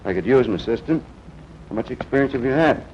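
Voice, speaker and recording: An actor playing a businesslike workshop boss in a 1940s film. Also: male voice, mid-range voice, expressive, fast, a little mellow, natural voice. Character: businesslike workshop boss, man, secretly resistance contact. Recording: dull, hissy 1940s film soundtrack.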